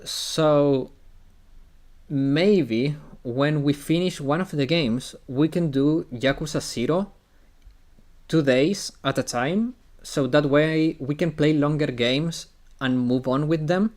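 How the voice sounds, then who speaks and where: A man's voice: a little high, takes it slowly, a little mellow. A man streaming video games, chatting casually and thinking aloud, often repeating his phrases. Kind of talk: casual live-stream chat.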